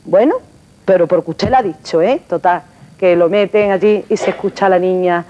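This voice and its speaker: Woman telling jokes, chatty, animated, muffled lo-fi sound. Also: fairly low pitch, normal speed. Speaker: joke teller. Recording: dull lo-fi TV audio.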